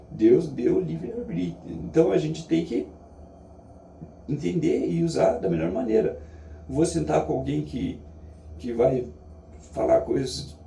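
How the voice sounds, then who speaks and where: A Brazilian man giving a reflective, casual monologue in an earnest, halting way, often checking in with short tag questions. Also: on the high side, creaky, mellow. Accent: Brazilian Portuguese. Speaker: vlogger sharing daily reflections. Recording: echoey, distant mic, faint background noise.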